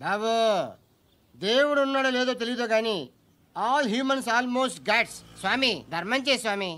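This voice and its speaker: An actor playing a cheeky street beggar who mocks and lectures a passerby. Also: male voice, extremely high pitch, unhurried, slight background noise, exaggerated voice. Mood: pleading. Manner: mocking, lecturing. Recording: film soundtrack with loud music.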